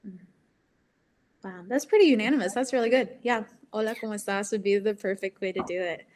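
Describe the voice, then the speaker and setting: A woman's voice: medium pitch, a little fast, a little mellow. A woman giving a casual online presentation on Spanish pronunciation, chatty with frequent ums, likes and laughs. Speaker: presenter teaching Spanish basics.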